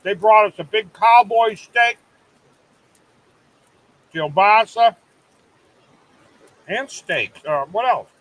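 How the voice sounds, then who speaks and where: A man's voice: high-pitched, slow pace, pauses often, far from the mic, poor audio. A man hosting a casual live stream, chatting with viewers and reading their comments. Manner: chatty, animated, reads viewer comments aloud. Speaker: livestream host. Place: cabin.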